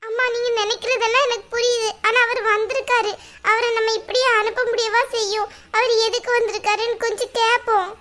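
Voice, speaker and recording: A gentle young cartoon wife who pleads and hopes, as a woman voices her. Her voice is very high and bright. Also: flat delivery, fairly quick. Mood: pleading. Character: gentle young wife, hurt but hopeful. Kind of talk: cartoon voice acting.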